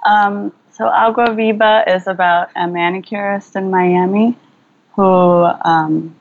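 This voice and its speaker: Speaking slowly at a medium pitch with fairly even intonation, a young woman filmmaker gives a relaxed interview by video call. She pauses to find her words, filling gaps and restarting sentences, and the sound is muffled.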